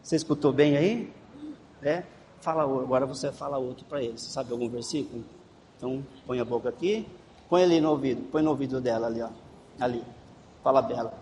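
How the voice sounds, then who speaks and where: A man with a warm, medium-pitched voice talks fast as he leads a game in a children's Bible class, coaxing and encouraging the kids and repeating instructions. The room is echoey, with faint background noise.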